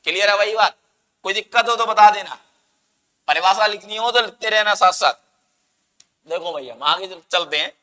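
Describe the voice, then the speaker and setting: A man's voice: high voice, normal speed, long pauses, sharp tone, big-room sound. A man teaching a grammar lesson, asking the class questions and answering them himself, and coaxing students to say sounds aloud.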